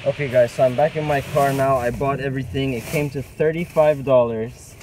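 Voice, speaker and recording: A young man's mid-range voice, darkish in tone with fairly even intonation, comes through fairly quickly over a little hiss or hum. Vlogging to an arm's-length camera or phone from a parked car and later a small store fitting room, he rambles loosely in slang, saying "like" a lot.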